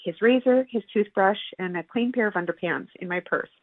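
A woman guest, a psychology professor and author, telling a personal story in an earnest, measured way with long pauses. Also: medium pitch, no room sound. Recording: tinny phone-like line, dry.

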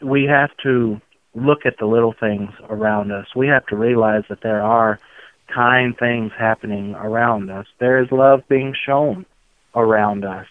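Man, slow Southern US drawl, unflappable, reflective interview talk, resonant voice, dry phone-like sound. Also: medium pitch, fairly even intonation, smooth, no echo. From outskirts of Memphis, Tennessee. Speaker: interview guest. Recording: muffled narrow phone-like line.

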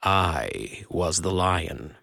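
A huge ancient lion speaks slow and low, as a man reading a story puts him on. The voice is grave and calm, with lively rises and falls on a dry, close sound. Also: creaky, no echo, heavily acted. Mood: solemn.

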